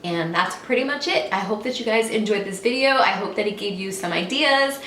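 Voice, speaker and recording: A woman vlogger chatting casually in her home kitchen, relaxed and often trailing off quietly. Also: medium pitch, brisk. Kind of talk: casual chat. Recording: roomy kitchen echo, faint noise.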